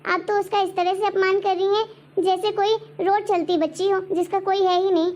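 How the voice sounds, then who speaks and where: A woman playing a patient young daughter-in-law who gently pleads with her mother-in-law and protects her little sister in a homemade family drama. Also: very high voice, level tone, moderate pace. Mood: reproachful. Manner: soft, pleading, polite. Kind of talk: homemade web-drama acting.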